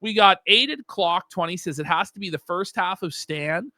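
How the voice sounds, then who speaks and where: A woman's voice: lowish voice, animated, normal speed, sharp tone, no echo, studio quality. A woman co-hosting a livestream, reading donation messages aloud in casual commentary, laughing and swearing freely. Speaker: stream co-host reading donations.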